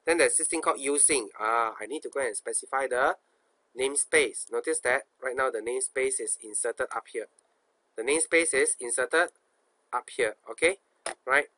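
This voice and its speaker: With a bright, forceful tone at medium pitch and moderate pace, a Singaporean-accented programming instructor leads an informal coding tutorial. He thinks aloud colloquially, questioning himself and repeating phrases, with no room sound.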